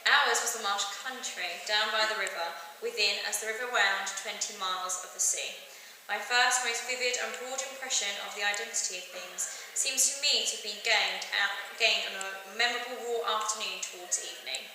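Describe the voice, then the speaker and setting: A woman reading a classic novel aloud in a flowing, even narration. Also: medium pitch, moderate pace, slight background noise. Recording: echoey hall.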